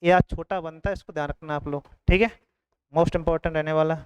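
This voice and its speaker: A man's voice: on the high side, fairly even intonation, normal speed, darkish tone, smooth, dry recording, rough recording. A man teaching an exam coaching lesson, repeating each word and often checking in with his students.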